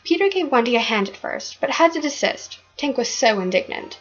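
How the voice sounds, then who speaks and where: Woman reading a kids book out loud, slightly high voice, muffled lo-fi recording. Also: fairly quick. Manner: expressive, occasional stumbles. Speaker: reader of a children's book. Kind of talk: reading a storybook aloud.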